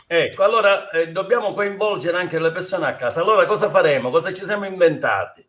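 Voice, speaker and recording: A male talk show host with a Sicilian accent and a high voice. He chats with his guests and speaks directly to viewers at home. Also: a little fast, fairly bright tone. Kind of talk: live talk show hosting.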